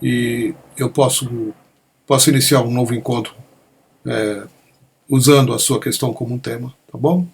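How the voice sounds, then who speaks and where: A man leading an online satsang, explaining ideas gently and calmly, often ending phrases with a soft questioning tag. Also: medium pitch, moderate pace, creaky, a little hiss or hum. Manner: gentle, frequent "né?" tags, calm explanatory pacing. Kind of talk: unscripted spiritual talk answering questions. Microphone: online meeting microphone.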